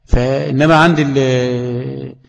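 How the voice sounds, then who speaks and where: An Egyptian man teaches tajweed, tossing rhetorical questions to his students as he explains. His voice has a gravelly edge. A long reverb trails behind it, as in a hall. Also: medium pitch, fairly even intonation, slow, lo-fi sound. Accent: Egyptian Arabic. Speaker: Quran recitation teacher. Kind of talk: tajweed lesson.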